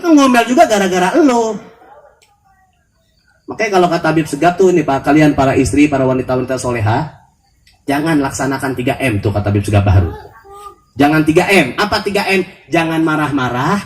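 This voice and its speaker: A man preaching a humorous sermon to a congregation, quizzing the crowd with repeated questions and mimicking people in quick asides. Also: extremely high pitch, recorded from a distance. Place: outdoor park gathering.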